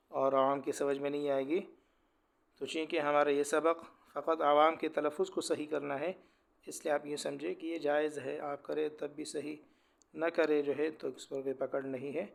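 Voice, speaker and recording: A man teaching Quran recitation, spelling out letters and vowels, who explains quickly and then recites slowly and drawn out. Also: fairly high pitch, creaky. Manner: rapid explanations alternating with slow, drawn-out recitation. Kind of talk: tajweed lesson, spelling out letters.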